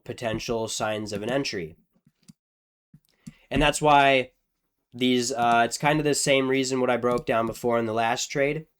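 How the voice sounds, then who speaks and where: Casual young man with a smooth voice. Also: medium pitch. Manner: casual, self-deprecating, thinks aloud with restarts. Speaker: trading video host. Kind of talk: screen-share chart walkthrough.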